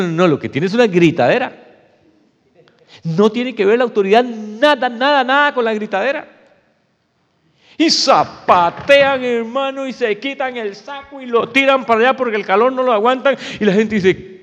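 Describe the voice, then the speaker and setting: High-voiced preacher in a reverberant hall. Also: male voice, normal speed, fairly bright tone. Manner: addresses listeners as "hermano", emphatic and conversational. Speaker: pastor. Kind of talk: sermon.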